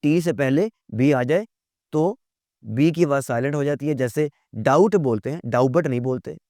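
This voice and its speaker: A man teaching a lecture, asking rhetorical questions and answering them himself, spelling words out slowly letter by letter. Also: on the high side, darkish tone, no echo, clean studio sound.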